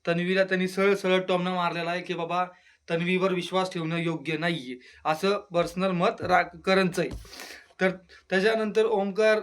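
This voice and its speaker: A man's voice: fairly even intonation, moderate pace, a bit bright. A man giving a casual, chatty review of a reality show on his channel, with exclamations and speech. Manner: chatty, exclaims, mimics housemates in lowered voice. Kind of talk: casual solo review monologue.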